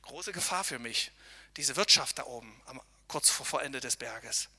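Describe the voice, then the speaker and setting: A man's voice: mid-range voice, lively intonation, moderate pace, vocal fry, sharp tone, breathy edge, big-room sound. Earnest man preaching on a mountain trail. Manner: earnest, addresses listeners directly with tag questions. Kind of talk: devotional talk while hiking.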